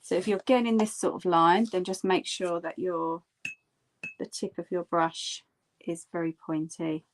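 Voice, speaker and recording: Gentle woman teaching painting step by step. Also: fairly low pitch, steady tone, a little slow, slight background noise, rough recording. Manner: gentle, encouraging instructing. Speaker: art instructor. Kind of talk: casual step-by-step painting demonstration. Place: indoors at a tabletop.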